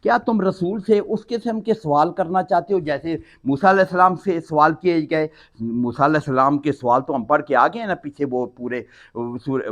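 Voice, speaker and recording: A man's voice: a little high, a bit bright. An older man from Pakistan teaching a Quran class, reciting Arabic phrases and then explaining each word with patient repetition.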